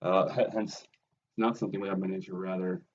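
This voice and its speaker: A man's voice: deep voice, little pitch movement, brisk, muffled recording. A man lecturing on philosophy in a recorded video lesson, earnest and emphatic, often checking in with "right?" and "okay?".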